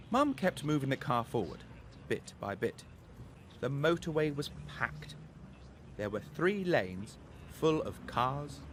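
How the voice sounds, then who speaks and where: A man with a medium-pitched voice narrates a scripted children's story as a storyteller. His delivery is expressive and deliberate, with faint vehicle noise in the background.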